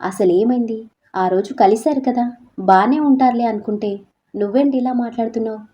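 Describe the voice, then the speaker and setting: Brief: a woman doing a frank, protective best friend in an audio story, mellow tone, slightly lo-fi audio. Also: fairly high pitch, fairly quick, natural voice. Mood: concerned. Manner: blunt, concerned.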